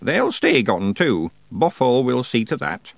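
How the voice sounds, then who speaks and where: A man voicing an old blind witch woman who gives sharp, imperious orders. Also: mid-range voice, very animated, a little slow, creaky, dry recording, voice pushed up. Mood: stern. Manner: imperious, snapping.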